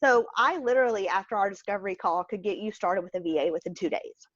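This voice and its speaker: A woman explaining her service on a video call in a brisk, confident, step-by-step way. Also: medium pitch, no echo, muffled recording. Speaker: guest, virtual assistant agency owner.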